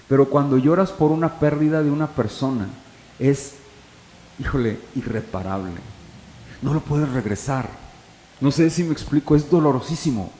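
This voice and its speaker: In a reverberant church hall, a male pastor delivers his sermon with a warm tone and a pitch on the high side. He keeps it conversational, tossing rhetorical questions to the people listening, while faint ambience lingers in the background.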